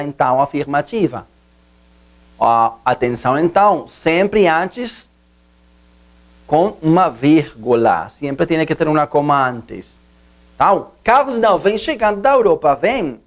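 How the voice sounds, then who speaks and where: A language teacher giving an online grammar lesson, patiently explaining and repeating points with rhetorical questions to viewers. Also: mid-range voice.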